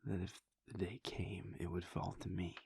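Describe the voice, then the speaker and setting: In an intimate audio roleplay, a man voices a weary, brooding vampire prince, delivering a soft, confiding monologue in a low husky whisper. The exaggerated performance is flat and reflective at a moderate pace, in a dry recording.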